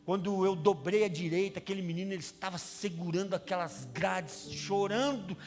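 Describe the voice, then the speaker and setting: A man with a Brazilian accent, a pastor and prison chaplain, telling a testimony in a sermon and acting out the voices of the people in his story. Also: moderate pace. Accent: Brazilian Portuguese. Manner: storytelling, acts out quoted voices with raised pitch. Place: church sanctuary. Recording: reverberant church hall with music.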